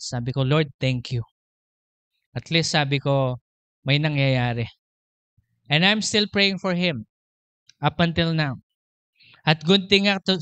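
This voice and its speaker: A man's voice: on the high side, fairly bright tone, clean tone, no room sound. A man preaching a sermon as pastor, telling a personal story, moving between Tagalog and English and laughing often. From Philippines.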